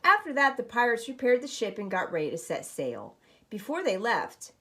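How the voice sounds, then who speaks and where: This teacher's husky, fairly bright voice sits on the high side, and her pitch swoops wildly while she keeps a normal speed. She reads a story aloud and walks through a craft, explaining each step in an instructive, storytime manner.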